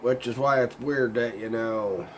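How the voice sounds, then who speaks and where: Hoarse and raspy from a sinus cold, this YouTube show host rambles through a casual vlog chat in a mid-range, unhurried voice with slight hiss or hum. He's relaxed and wandering, frequently losing his words and chuckling.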